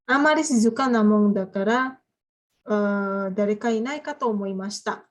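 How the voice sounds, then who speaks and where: A woman teaching a grammar class, patiently explaining and quizzing her students with drawn-out prompts. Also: mid-range voice. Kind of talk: live class lesson.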